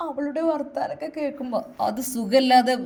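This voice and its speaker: A woman's voice: high voice, gravelly, mellow. A woman doing a furious, hurt young husband. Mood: angry. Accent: Malabar Malayalam. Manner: harsh, scolding, rapid questions. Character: angry, hurt young husband, quick-tempered.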